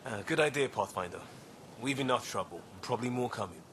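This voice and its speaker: A man with a mid-range, slightly bright voice speaks quickly and with lively intonation, over a faint hiss or hum. He's an actor voicing an earnest young crisis-response crewman in a video game, talking informally and candidly. He sounds earnest, apologetic, and a little sheepish.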